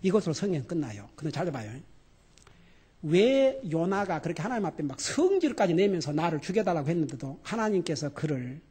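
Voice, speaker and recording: A middle-aged man preaching a sermon as pastor, animated and laughing, swinging between loud exclamations and quiet emphasis. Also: fairly high pitch, fairly quick, slightly rough.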